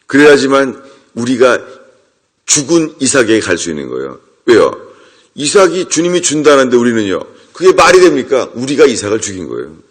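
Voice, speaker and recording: A man's voice: medium pitch, big pitch swings, brisk, slightly rough. A middle-aged man preaching a sermon as a pastor, emphatic, acting out quoted voices.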